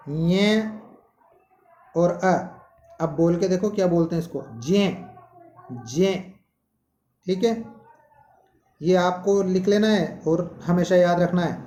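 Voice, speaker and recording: A male teacher, explaining a lesson slowly and posing questions to students. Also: high voice, warm tone, roomy sound. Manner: slow, explanatory, asks questions. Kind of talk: classroom-style lesson.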